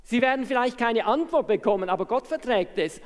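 A man's voice: extremely high pitch, expressive, brisk. A man preaching an impassioned evening sermon who raises his voice to make his points. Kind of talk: evangelistic sermon. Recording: reverberant hall.

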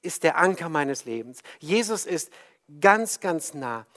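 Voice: mid-range voice, big pitch swings, a little slow, a bit bright. Ein gütiger Geistlicher in einer erzählten Geschichte, vom Prediger gesprochen. Er antwortet einem Kind zugewandt und sanft. Die Stimmführung ist lebendig und melodisch. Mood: tender. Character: gentle, kindly clergyman traveler.

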